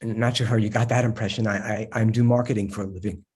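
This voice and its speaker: A man's voice: on the low side, level tone, fast talker, darkish tone, slightly rough. An actor playing an awkward, flustered straight man who stammers and hesitates. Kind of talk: comedic audio drama.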